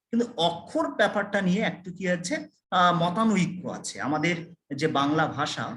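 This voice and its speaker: A man lecturing a college class, explaining slowly, repeating key terms and putting questions to his students. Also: sits high, a bit bright, echoey room.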